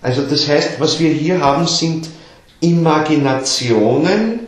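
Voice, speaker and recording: A man giving an explanatory lecture to a small group, often halting and repeating words as he explains. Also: on the high side, expressive. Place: lecture room with listeners. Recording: very echoey room.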